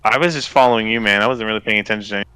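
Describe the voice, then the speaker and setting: A man's voice: on the low side, very fast, bright, forceful tone, smooth. A man co-hosting a casual gaming podcast, talking in a laid-back, rambling way and laughing often. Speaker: podcast co-host.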